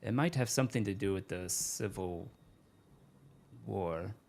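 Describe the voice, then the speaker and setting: A man's voice: deep voice, unhurried, vocal fry, a little mellow. A man voicing a wary, guarded female gang member with formal, clipped phrasing in a tabletop game. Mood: guarded, puzzled.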